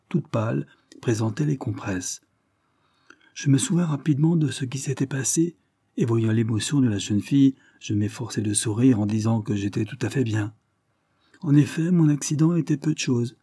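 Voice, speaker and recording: A man narrating a literary story in the first person, in a measured, reflective reading. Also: lowish voice, warm tone, slightly rough, dry recording, studio quality. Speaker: audiobook reader.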